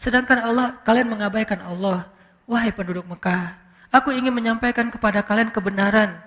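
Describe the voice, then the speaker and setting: A male preacher voicing a gentle prophet who calls to a crowd, speaking softly and without hurry. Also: high-pitched, in a large hall. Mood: gentle, earnest. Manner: soft, unhurried, earnest.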